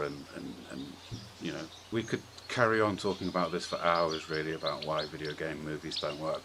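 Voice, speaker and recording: This podcast host has a deep voice with a bit of brightness. He talks casually and informally, full of strong opinions, over clearly audible background noise.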